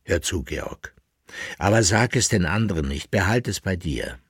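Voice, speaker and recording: A man's voice: low-pitched, expressive, moderate pace, breathy edge, dry recording, clean studio sound. A man voicing an anxious, gout-ridden older patron who speaks urgently and secretively. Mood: uneasy.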